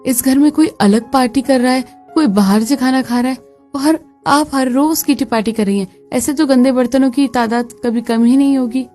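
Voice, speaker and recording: A woman's voice: fairly high pitch, steady tone, normal speed, mellow, soft background music. A woman voicing a fed-up young wife in a cartoon, complaining emphatically.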